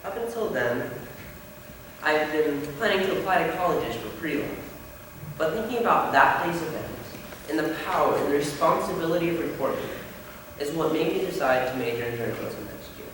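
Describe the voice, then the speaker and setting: Young man acting as a solemn student speaker, slightly high voice, echoey hall, heard from far off. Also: animated, a little fast, fairly bright tone, a little hiss or hum. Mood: earnest. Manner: solemn, rousing address. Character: earnest male high school senior orator. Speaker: student actor. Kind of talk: stage play speech to a class. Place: school theater stage. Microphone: distant room mic.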